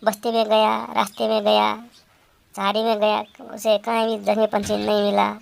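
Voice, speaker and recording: A woman narrating a children's story in a flat, repetitive telling. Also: medium pitch, moderate pace, vocal fry.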